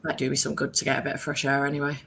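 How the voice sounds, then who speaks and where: A woman's voice: rumbling low, monotone, rapid-fire, gravelly, fairly bright tone. A British woman chatting casually and informally on a livestream, sounding ill and run-down with a cold, sweary and self-deprecating. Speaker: guest on a readathon livestream. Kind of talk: casual chat. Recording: home livestream with faint background noise.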